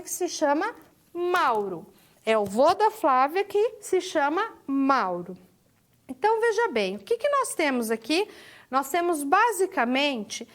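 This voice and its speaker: A woman with a high voice teaches a programming lesson. She talks through each step aloud, poses questions and answers them herself. She keeps saying "ó" as she points to her board. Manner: peppers speech with "ó" while pointing at a drawing. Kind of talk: recorded lecture explaining pointers.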